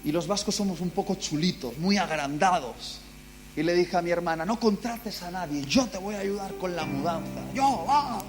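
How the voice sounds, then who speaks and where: A man's voice: sits high, expressive, moderate pace, music in the background. A man from the Basque Country preaching a live sermon in a church, telling stories dramatically and acting out cries of pain. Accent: Spanish. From Basque Country, Spain.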